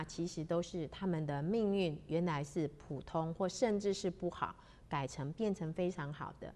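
A religious storyteller shares a spiritual moral tale with fellow practitioners. Her voice is on the low side with a darkish tone. She takes her time and stretches out the particles that end her sentences.

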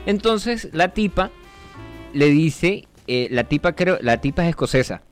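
A man's voice: a little high, lively intonation, unhurried, soft background music. A man hosting a comedic radio show, telling anecdotes and acting out voices. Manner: joking, acts out voices in anecdotes.

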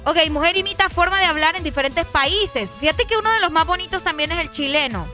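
Giggly woman radio cohost, high bright voice, soft music under her. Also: lively intonation, fast. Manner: giggly, playful, trying out accents. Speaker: radio co-host. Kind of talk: casual chat.

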